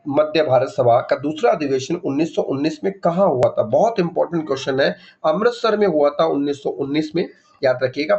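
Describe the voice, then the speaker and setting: High-pitched gravelly man teaching. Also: highs cut off. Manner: repeats key facts, asks and answers own questions; mixes English words into the explanation. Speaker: exam coaching teacher. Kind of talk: MCQ revision lecture.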